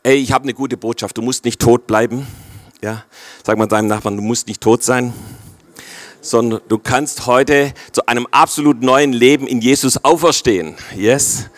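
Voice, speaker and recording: A man in his forties with a Swabian accent, preaching a sermon in a lively way and often checking in with the congregation. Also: medium pitch, moderate pace, no room sound. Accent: Swabian German. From Swabia, Germany.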